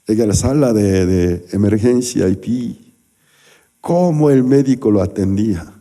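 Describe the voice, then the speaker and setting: A man's voice: on the low side, unhurried, warm tone. A male pastor delivering a sermon, telling stories animatedly with acted-out quotes and sound effects.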